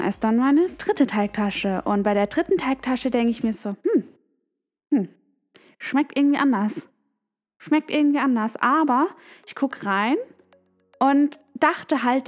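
A young woman telling a personal story in a chatty, animated way, full of slang and fillers. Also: a little high. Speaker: vlogger. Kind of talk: casual storytelling to camera.

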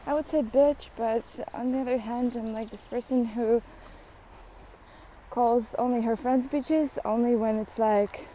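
Slow-talking young woman venting casually. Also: fairly high pitch, fairly even intonation, mellow, a little hiss or hum, poor audio. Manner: chatty, blunt, swears, many fillers. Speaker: vlogger.

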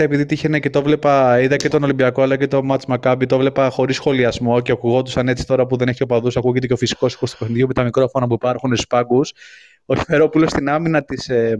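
A man's voice: mid-range voice, fairly even intonation, darkish tone. A man calling in to a casual chat show, talking about basketball with many fillers and restarts. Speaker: caller.

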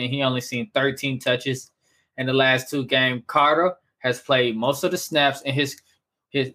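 A man with a bright, forward voice talking through fantasy football matchups. He keeps a laid-back, casual tone while running through his player analysis in long, steady stretches. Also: mid-range voice. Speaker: fantasy football podcast co-host. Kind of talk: casual sports chat.

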